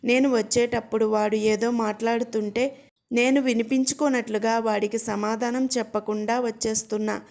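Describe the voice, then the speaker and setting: A woman's voice: a little high, fairly even intonation, moderate pace, gravelly, darkish tone. A woman narrating a first-person family story as the mother, also reading the children's lines. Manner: reads as the mother, voicing the children's lines too.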